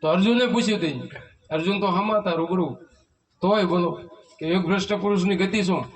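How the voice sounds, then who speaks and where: A man's voice: high-pitched, a little fast, a little hiss or hum. A man, a spiritual teacher giving a devotional sermon at a devotee's village home, asking rhetorical questions and reciting hymn verses. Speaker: spiritual teacher leading a satsang. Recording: voice from far off the mic.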